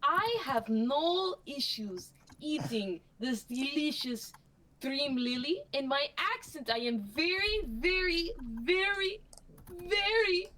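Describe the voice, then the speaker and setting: A woman's voice: sits high, lively intonation, slow pace, a bit bright, full character voice, low-quality recording. A woman voicing a shifty adventurer with a put-on German accent that keeps slipping, protesting overdramatically in a tabletop game. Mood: wailing. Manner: overdramatic, defensive, wailing protests. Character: shifty female adventurer with wobbly fake accent. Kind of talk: tabletop role-play in character.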